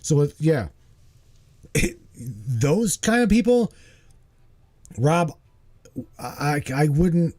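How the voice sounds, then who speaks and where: A man's voice: a little high, very animated, very slow, long pauses, a little mellow. A man in his forties hosting a casual livestream chat, talking animatedly and emphatically, repeating himself and checking in with "okay?". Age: 40s. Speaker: host.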